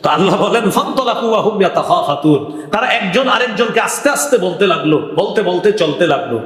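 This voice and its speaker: A fairly high-voiced man preaching a waz sermon in a large hall, its echo hanging long after each phrase. He chants Arabic verses, then explains them in everyday speech, acting out the people in the story. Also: expressive, fairly quick, a bit bright. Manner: acts out the people in the story, whispering and urging. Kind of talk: Bangla waz sermon with Quranic recitation. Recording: echoey hall with long reverb.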